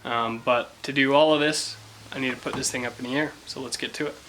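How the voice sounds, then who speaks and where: A young man talking casually and excitedly to camera while working on his car, with a self-mocking tone. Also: mid-range voice, fast talker, very noisy. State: out of breath. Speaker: car vlogger. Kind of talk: casual garage vlog.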